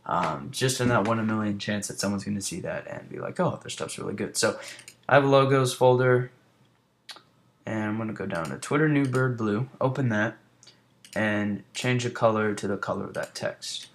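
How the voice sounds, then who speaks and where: This is a casual screen-recorded design tutorial from a young man whose lowish voice has a creaky quality and moves at a normal pace. He rambles along, muttering quietly as he works.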